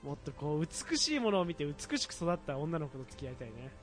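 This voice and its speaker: A man's voice: a little high, big pitch swings, fast talker, faint music behind. A man co-hosting a radio talk show in a playful, mock-dramatic casual chat.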